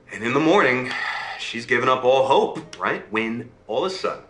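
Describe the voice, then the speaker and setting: An animated storyteller man. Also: mid-range voice. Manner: lively, animated, checks in often with "right?" and "okay?". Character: a man telling a fairy tale to a listener. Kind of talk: telling a fairy tale aloud. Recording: roomy echo, faint music.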